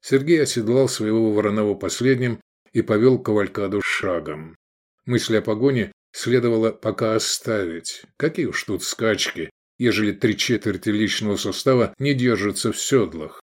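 A man's voice: on the low side, moderate pace. A man narrating an adventure audiobook, voicing every character expressively.

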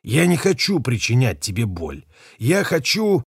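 A man voicing a rough-voiced, weary male mutiny leader who pleads and bargains. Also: medium pitch, big pitch swings, unhurried, no echo, clean studio sound, exaggerated voice. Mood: pleading. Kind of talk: audiobook character voice.

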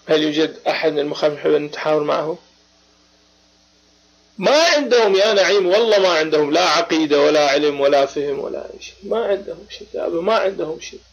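A man's voice: a little high, quick pace, creaky, slightly rough. A man from Baghdad with an Iraqi accent, hosting a live religious debate chat while he has a cold, talking emphatically with many short affirmations. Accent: Iraqi Arabic, Baghdad. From Iraq. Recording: lo-fi online voice chat.

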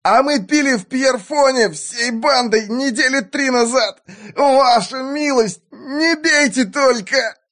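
A terrified, sobbing captive thug. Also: male voice, very high-pitched, takes it slowly, a bit bright, voice pushed up, exaggerated voice. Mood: terrified, pleading. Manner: squealing, stammering, sobbing pleas. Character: lanky terrified male hired thug, captive. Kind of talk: audiobook character voice.

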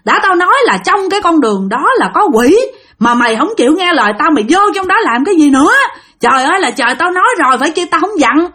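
A woman's voice: sits high, lively intonation, quick pace, a bit bright, pitched above the performer's own voice. A woman voicing an elderly village woman who nags and scolds in exasperation. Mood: scolding. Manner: exasperated, nagging.

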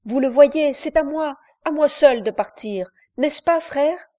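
A woman's voice: fairly high pitch, steady tone, takes it slowly. A woman reading an audiobook, voicing a remorseful, self-sacrificing young boy who pleads emotionally. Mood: pleading.

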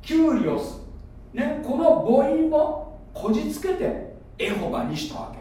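Lively man preaching in an echoey room. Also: extremely high pitch, a little slow, distant mic. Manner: explains like a teacher, asks the audience questions. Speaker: pastor. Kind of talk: sermon.

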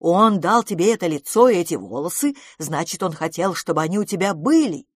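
Stern moralizing mother, read by a woman, low voice, rhetorical lift and drop. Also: big pitch swings, fairly quick, breathy edge, no room sound, studio quality. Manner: sermonizing, rhetorical.

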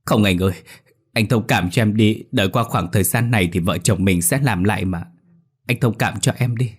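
A man reading a story aloud, voicing a distraught young wife who begs and pleads through tears in a husky voice. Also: fairly low pitch, moderate pace. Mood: pleading, sobbing. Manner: begging, tearful, rising to cries.

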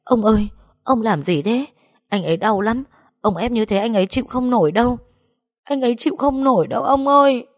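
A woman's voice: mid-range voice, normal speed, dry recording, clean studio sound, pitched above the performer's own voice, lightly acted. Woman playing a frantic pleading young wife. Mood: desperate pleading. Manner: pleading, tearful cries.

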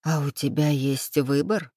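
A woman's voice: low voice, unhurried, warm tone, slightly rough, no room sound, clean studio sound. Woman reading as a mocking, stern club owner. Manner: mocking, weary, coolly menacing. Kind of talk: audiobook dialogue reading.

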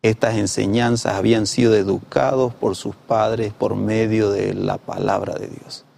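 A man with a gravelly, low-lit texture and a dark, mellow tone reads scripture aloud in a church lesson discussion. He lifts his voice on the verses, then drops back into plain talk to explain them. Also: level tone, measured pace, slight background noise. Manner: reads verses with rising emphasis, plain conversational asides. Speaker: Bible study discussion partner.

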